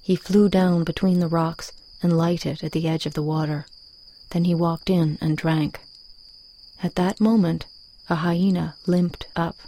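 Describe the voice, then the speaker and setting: Mellow woman reading a fable. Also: on the low side, steady tone, unhurried, slight background noise, rough recording. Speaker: story reader. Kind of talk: literary storybook narration.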